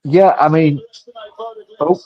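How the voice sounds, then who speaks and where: A man's voice: a little high, fairly even intonation, slow, no room sound, lo-fi sound. A man co-hosting a live football watchalong as tactical pundit, talking steadily and agreeably. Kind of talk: casual football watchalong chat.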